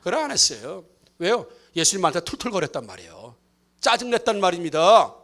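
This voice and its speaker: A man with a very high voice preaches from the pulpit of a church. His delivery is animated and playful, and he drops into other voices to act out characters. He keeps calling on the congregation to respond. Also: fairly quick. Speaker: pastor. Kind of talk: lively Easter sermon with acted asides. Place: church sanctuary.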